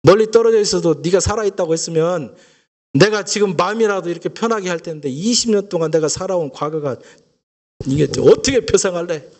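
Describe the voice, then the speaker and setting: A bitter abandoned wife hurls sharp, raised rebukes at her husband, acted out by a man. Her voice sits high and fierce, scolding rather than crying. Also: brisk, close to an everyday voice. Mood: furious. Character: furious abandoned wife, middle-aged woman, bitter.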